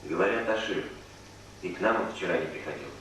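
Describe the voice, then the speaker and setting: An actor voicing a young village man who talks quickly and lively, in an old dubbed film. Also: deep voice, a little hiss or hum. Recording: echoey old film soundtrack, distant.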